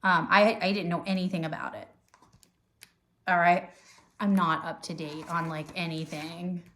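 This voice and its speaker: A woman's voice: fairly low pitch, flat delivery, measured pace, fairly bright tone. A woman hosting a podcast in casual chat, rambling with lots of fillers and restarts. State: hiccuping. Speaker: podcast host. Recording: roomy echo.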